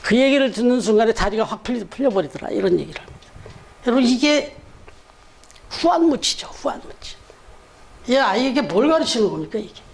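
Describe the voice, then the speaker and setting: A pastor preaching a Sunday sermon in church, talking conversationally and putting rhetorical questions to the congregation. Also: male voice, very high voice, expressive, brisk, creaky.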